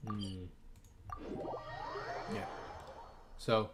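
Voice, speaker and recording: Streaming a video game, a man thinks aloud in casual, rambling commentary full of fillers and hesitations. His voice is fairly low and flat, and he speaks very slowly. Noisy ambience fills the background.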